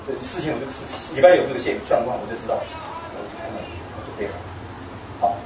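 A man, a Buddhist lay teacher giving a talk. He tells the story in an animated way, acting out quotes and laughing. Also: mid-range voice, fast talker, noisy background. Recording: distant, echoey, dull recording.

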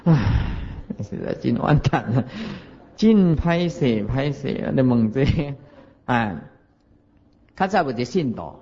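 A man's voice: medium pitch, big pitch swings, a little slow, pauses often, mellow. A man with a Taiwanese Hokkien accent, a Buddhist monk giving a folksy sermon with chuckles and rhetorical questions. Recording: dull lo-fi recording.

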